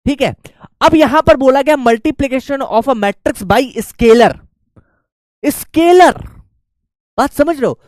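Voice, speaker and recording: A man's voice: very high-pitched, takes it slowly, a little mellow, no echo, clean studio sound. A male maths teacher giving a lesson who coaxes his students and keeps checking that they follow. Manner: coaxing, keeps checking students follow, calls them "beta".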